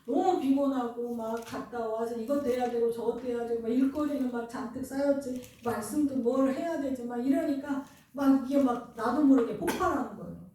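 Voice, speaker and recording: A woman pastor delivers a conversational, earnest sermon. Her voice sits a little high, with a soft, mellow tone. She stands at a distance from the mic, and it rings heavily through a very reverberant church hall. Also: fairly quick, few pauses, slight background noise. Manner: earnest, asks the congregation questions. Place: church sanctuary.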